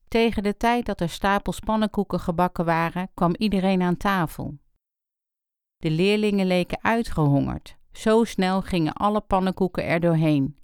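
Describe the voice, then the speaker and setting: A woman with a smooth, resonant voice, pitched a little low, reads a story aloud. Her storytelling is calm and even, and the close, dry recording holds no room sound. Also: normal speed, no echo. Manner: calm storytelling, quotes characters with light voice changes. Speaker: audiobook narrator. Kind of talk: scripted narration.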